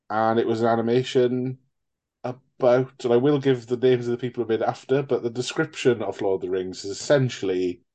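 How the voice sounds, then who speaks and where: A man's voice: lowish voice, darkish tone. A man co-hosting a casual film podcast, jokey and sweary, rambling through his points. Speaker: podcast co-host. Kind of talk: casual chat.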